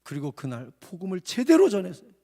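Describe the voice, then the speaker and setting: 설교 중 고함치는 목사. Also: male voice, sits high, wildly swooping pitch, quick pace. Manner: swings from quiet storytelling to shouted outbursts. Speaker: pastor. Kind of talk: revival sermon. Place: church sanctuary.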